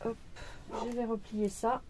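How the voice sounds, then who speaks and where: Woman, craft vlogger, mellow tone, playful chatty delivery. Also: on the high side, little pitch movement, a little slow, slight background noise. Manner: chatty, playful, puts on a jokey accent. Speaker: cross-stitch vlogger. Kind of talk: casual chat while embroidering.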